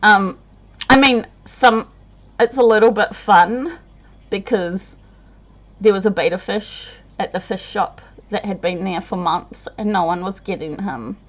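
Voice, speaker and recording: A woman's voice: medium pitch, unhurried. A tired woman chatting to camera in a rambling, self-deprecating way, laughing often. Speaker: vlogger. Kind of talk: casual chat to camera.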